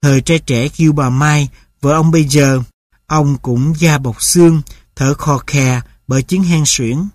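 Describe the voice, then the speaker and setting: A man narrates a novel in a steady, measured audiobook reading. His voice sits somewhat high for a man. The sound is close and dry, with no room echo.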